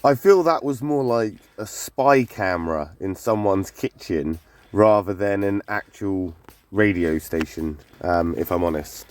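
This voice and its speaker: A man's voice: low voice, expressive, measured pace, a little mellow. A man reacting to videos in casual commentary, blunt and skeptical. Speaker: micronation reviewer.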